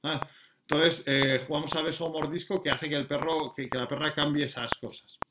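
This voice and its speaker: A man's voice: fairly high pitch, steady tone, fairly quick. A man teaching dog training in a casual, explanatory way, with many fillers and restarts. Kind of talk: casual spoken lesson. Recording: noticeable background noise.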